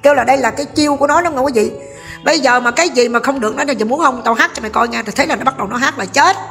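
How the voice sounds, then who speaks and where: A woman's voice: high-pitched, very fast, fairly bright tone, faint music behind. A woman with a Southern Vietnamese accent, a vlogger giving gossip commentary, scolding and speaking straight to her viewers. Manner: scolding, addresses viewers directly.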